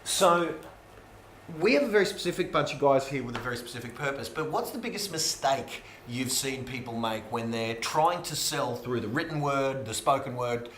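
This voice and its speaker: A man hosting a podcast interview, telling stories with animated energy and frequent laughter. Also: mid-range voice, normal speed. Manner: animated storyteller, laughs often. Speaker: podcast host. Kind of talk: casual interview chat. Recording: roomy echo, faint background noise.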